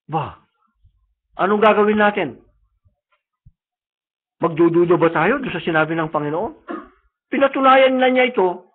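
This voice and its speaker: Male preacher, fervent sermon delivery, husky high voice, tinny phone-like stream sound. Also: animated, normal speed, pauses often. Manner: earnest, fervent preaching with frequent restarts.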